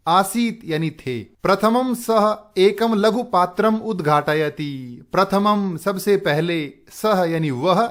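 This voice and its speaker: A man with a fairly high voice takes a Sanskrit text slowly, word by word. He reads each word, then stops to explain what it means, in an unhurried, measured way. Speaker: Sanskrit teacher. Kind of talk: line-by-line textbook explanation.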